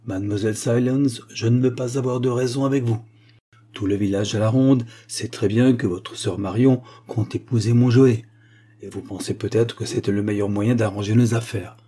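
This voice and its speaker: A man's voice: medium pitch, steady tone, moderate pace, dark tone, lightly acted. A man playing a sly, greedy old village man with a wheedling manner.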